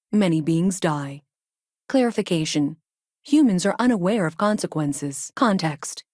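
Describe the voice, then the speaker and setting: This scripted game dialogue features a self-aware probe AI voiced by a woman. The voice is low and a little mellow, recorded very dry, and delivers robotic, literal, clipped statements that sound like labels, earnest and logical.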